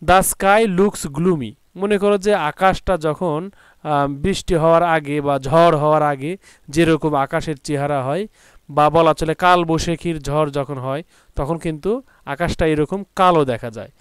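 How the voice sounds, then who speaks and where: A man teaching an English vocabulary lesson, spelling words out and repeating them slowly. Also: fairly high pitch, clear, resonant tone, no room sound. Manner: slow, drawn-out pronunciation drills.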